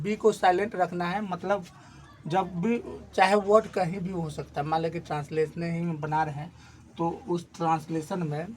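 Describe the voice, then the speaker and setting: A male teacher giving a classroom grammar lesson, explaining slowly and repeating points, asking questions and answering them himself, pointing to a board. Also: high voice, a little hiss or hum. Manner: repetitive, asks and answers own questions; slow, stressed explanation.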